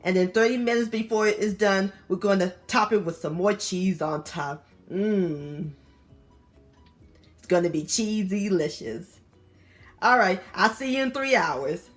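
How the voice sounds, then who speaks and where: A woman with a Southern US accent hosting a casual cooking video, expressive, with savoring exclamations and drawn-out words. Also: mid-range voice, soft background music. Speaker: cooking show host. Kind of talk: casual recipe narration.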